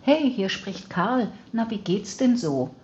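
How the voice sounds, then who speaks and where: A woman voicing a cheerful, flirty male friend who teases in a drawn-out way, on slightly dull audio. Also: mid-range voice, sing-song, a little mellow, a little hiss or hum, voice pushed up. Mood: teasing.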